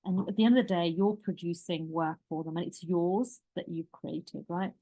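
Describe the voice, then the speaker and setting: A woman's voice: fairly low pitch, moderate pace, warm tone. A woman leadership coach teaching a live online workshop in a loose, chatty, rambling way that keeps starting over.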